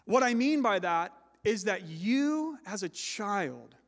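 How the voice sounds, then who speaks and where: This pastor, a grown man with children, swings his high voice widely in pitch as he preaches loudly. He deliberately slows and stresses the points he wants to land, while a large hall's long reverberation fills the sound.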